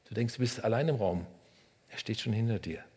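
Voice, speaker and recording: A man preaching a sermon in short phrases, speaking straight to the listener and swinging between loud emphasis and hushed, almost whispered lines. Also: on the low side, fairly quick, breathy edge. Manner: addresses the listener directly and personally. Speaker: pastor.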